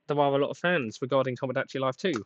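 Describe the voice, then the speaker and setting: Getting over a cold, a young man hosts a casual solo podcast, rambling and poking fun at himself with lots of hesitations. His plain, somewhat flat voice sits in the mid range and moves very fast, and the sound is lo-fi.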